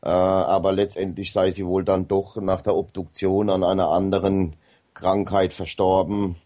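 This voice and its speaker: A man's voice: sits low, level tone, moderate pace, warm tone. A man talking casually as a guest on a radio show, rambling with many hesitations and fillers.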